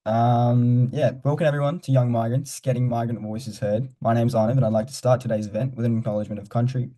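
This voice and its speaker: Brisk young man, dark voice. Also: mid-range voice, fairly even intonation. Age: young adult. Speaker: event host. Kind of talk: reading a scripted welcome. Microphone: online video call.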